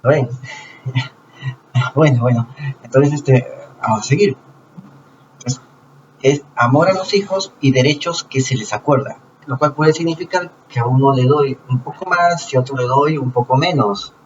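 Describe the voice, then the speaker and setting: A man talking to his viewers in a casual lecture, explaining slowly with rhetorical questions and frequent restarts. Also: medium pitch. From Peru. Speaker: channel host. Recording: distant lo-fi mic with noise.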